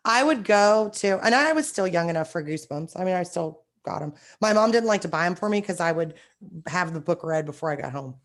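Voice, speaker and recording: A young woman co-hosting a podcast in casual chat, her voice hoarse and raspy, telling things with enthusiasm. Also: lowish voice, brisk. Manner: animated storytelling, enthusiastic. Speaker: podcast co-host.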